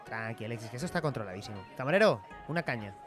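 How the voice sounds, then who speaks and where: Brash fast-talking guy. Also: mid-range voice, expressive, music in the background. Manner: brash, says tío a lot. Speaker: sketch comedy performer. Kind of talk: comedy radio sketch.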